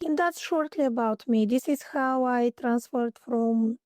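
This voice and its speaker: A woman's voice: fairly high pitch, a little slow, darkish tone, no echo. A woman from Bulgaria with a Bulgarian accent, a native Bulgarian speaker and holistic therapist, answering interview questions hesitantly with many fillers as she searches for English words.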